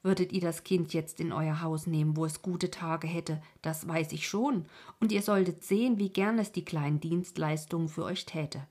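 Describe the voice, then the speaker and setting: A woman voicing a kind, firm colonel's wife who talks a sick man round calmly. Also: low-pitched, moderate pace, hardly any pauses. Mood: persuasive. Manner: calm, soothing persuasion.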